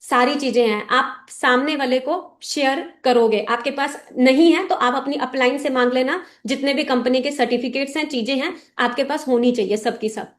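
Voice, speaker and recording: A woman's voice: sits high, normal speed, hardly any pauses. A woman leading a business meeting, giving direct, instructive advice to her sales team and often checking that everyone understands. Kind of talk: motivational talk to a sales team.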